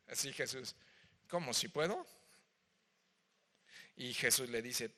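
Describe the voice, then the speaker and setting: A man with a Mexican Spanish accent preaching a verse-by-verse sermon, expressive and chatty, acting out the voices of the story with asides to the congregation. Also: medium pitch. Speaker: pastor. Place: church hall. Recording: church hall reverb.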